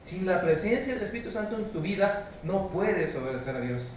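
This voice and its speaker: A Mexican pastor delivers a sermon, rising to forceful calls and dropping to low, hushed emphasis as he puts questions to his listeners. His fairly high voice carries in a very echoey church. He is picked up from a distance, with a faint room hum behind him. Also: sing-song, brisk. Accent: Mexican Spanish. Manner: emphatic preaching, swinging from loud exhortation to low, hushed stress; asks the congregation questions. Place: church sanctuary.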